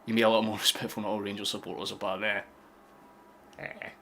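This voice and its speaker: A man's voice: fairly low pitch, racing, gravelly, slight background noise. A young Scottish man hosting a football watchalong stream, chatting casually with lots of swearing and laughter. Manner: excitable, sweary, laughing often. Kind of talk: casual live-stream chat.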